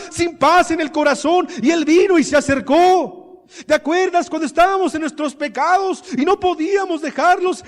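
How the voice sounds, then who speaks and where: A man preaching a sermon, moving between quiet, hushed teaching and loud, impassioned passages full of repeated rhetorical questions. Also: extremely high pitch, big-room sound. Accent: Colombian Spanish.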